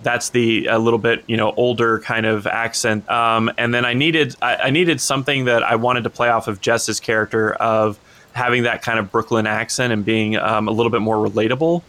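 Bright-voiced man, eager and rambling. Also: medium pitch, steady tone, moderate pace. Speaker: podcast co-host and player. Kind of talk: casual podcast chat.

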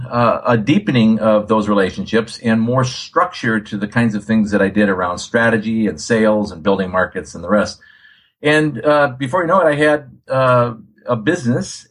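A man, a guest telling stories about his career with plenty of "uh" and repeated words. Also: medium pitch. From United States. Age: 60s. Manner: storytelling, with frequent "uh" and repeated words. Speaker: guest, consultant. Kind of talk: casual interview.

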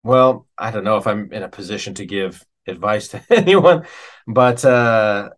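Speaking unhurriedly in a lowish, expressive voice, this working musician from America talks as an interview guest. He's relaxed, reflective and frank, frequently informal, leaning often on "man" and "you know."

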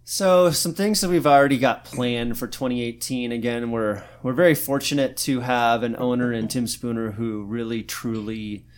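A man's voice: medium pitch, normal speed, few pauses, smooth. A man from Arizona co-hosting a casual podcast, talking loosely with many fillers and restarts. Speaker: podcast co-host, physical therapist.

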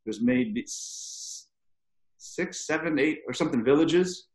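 A man in his thirties from Rhode Island, a podcast guest telling stories in a relaxed, rambling way. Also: on the high side, slow pace. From Rhode Island, USA. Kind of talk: casual chat. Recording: roomy echoey sound.

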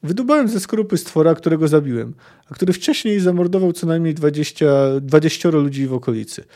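A man's voice: on the high side, animated, fast talker, dark tone. A man voicing a grim adult male monster hunter who answers dryly. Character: grim adult male witcher, dry and curt.

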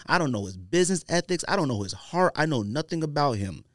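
Speaking quickly in a higher voice, this American podcast host tells an animated story full of slang and acted-out imaginary quotes. The recording is dry and clean, studio-made.

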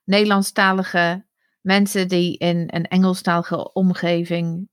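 A woman's voice: on the low side, level tone, unhurried, no room sound, clean studio sound. A woman hosting a podcast, interviewing a guest with curious follow-up questions. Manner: inquisitive, asks follow-up questions. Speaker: podcast host.

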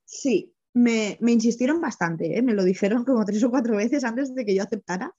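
A young woman, telling a personal story in a lively way, with many fillers. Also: a little high, moderate pace. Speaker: guest. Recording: dull lo-fi sound.

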